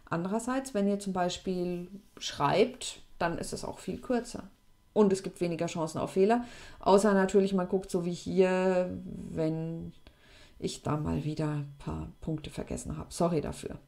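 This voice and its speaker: A woman, explaining French question forms to students in a lively, chatty way. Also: normal speed, creaky. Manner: lively, chatty, plays with pitch for emphasis. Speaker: French teacher.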